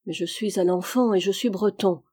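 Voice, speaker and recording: A woman's voice: medium pitch, normal speed, darkish tone, lightly acted. A woman reading the part of an old, devoted male valet from Brittany in an audiobook, earnest and loyal in manner.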